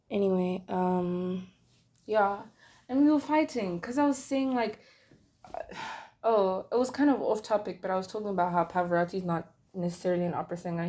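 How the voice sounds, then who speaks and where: A woman's voice: medium pitch, dark tone. Chatty girl in her 20s rambling on her podcast, lots of "like"s, crocheting as she talks. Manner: rambling, chatty, full of "like" fillers. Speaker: podcast host. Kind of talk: casual solo podcast chat.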